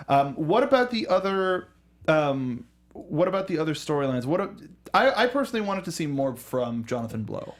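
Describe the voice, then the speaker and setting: A man hosts a film review show, leading a casual panel discussion of films and games. His voice sits on the high side and is sing-song at normal speed, full of a fan's enthusiasm, and he often restarts sentences mid-thought.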